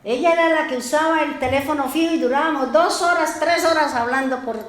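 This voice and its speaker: A woman pastor, preaching a sermon in a lively storytelling way and acting out voices. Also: sits high, a little fast, reverberant. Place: church.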